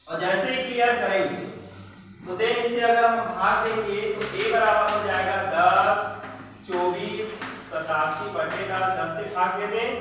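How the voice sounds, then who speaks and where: A man tutoring maths, working a problem through step by step and speaking warmly to his viewers as friends. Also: high-pitched, slight background noise. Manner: reads out figures slowly, step by step; says "friends" and "yaar" to the viewers. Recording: echoey room, far from the mic.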